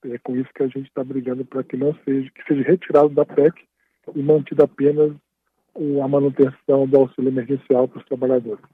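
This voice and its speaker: A man speaking by phone as a radio interview guest, explaining at a steady pace and often tagging his phrases with a questioning "right?". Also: mid-range voice, brisk, a little hiss or hum. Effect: heard over a phone line. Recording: tinny dry phone line.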